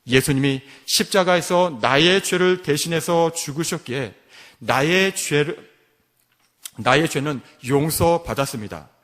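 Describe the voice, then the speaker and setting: A man's voice: fairly high pitch, unhurried, fairly bright tone. A man preaching a sermon as pastor, asking rhetorical questions and rising to emphatic peaks. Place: church sanctuary. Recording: long hall reverb.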